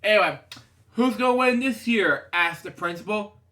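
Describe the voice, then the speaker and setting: A man with a high, bright, forceful voice reads a children's picture book aloud at normal speed, expressive and casual. A storybook reader and show host, he often breaks off into rambling, digressive asides.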